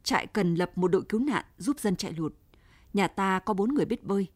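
A woman voicing a brisk male prison guard who gives orders. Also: mid-range voice, animated, dry recording, natural voice.

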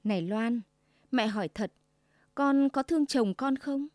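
A woman voicing a harsh, domineering old mother-in-law with a shrill, commanding way of talking, in a storybook tale. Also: unhurried, a little mellow, dry recording, studio quality, lightly acted. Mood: wheedling. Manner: shrill, commanding, sugary then scolding.

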